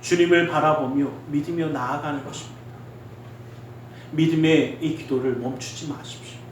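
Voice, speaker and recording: A male pastor preaching a sermon in earnest, exhorting tones, swinging between loud emphasis and quiet asides. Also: a little high, steady tone, normal speed, a little hiss or hum. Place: church sanctuary. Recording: very echoey hall, distant mic.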